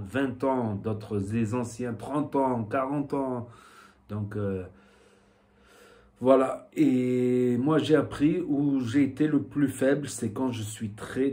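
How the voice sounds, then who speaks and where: A man's voice: mid-range voice, dark tone. A man with a southwestern French accent talking casually to the camera in a vlog, rambling with many fillers and a repeated "voilà". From southwest France. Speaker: YouTuber.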